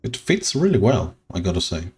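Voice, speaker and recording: A man streaming a game, talking slowly and sentimentally, rambling with soft laughs. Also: low voice, big pitch swings, slightly rough. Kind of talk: casual game stream chat.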